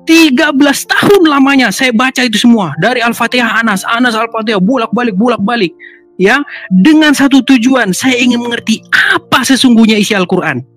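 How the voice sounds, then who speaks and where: A man's voice: extremely high pitch, fairly quick, a bit bright, soft background music. Insistent man debating. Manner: insistent, repeats his questions. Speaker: debate host. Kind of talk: heated debate.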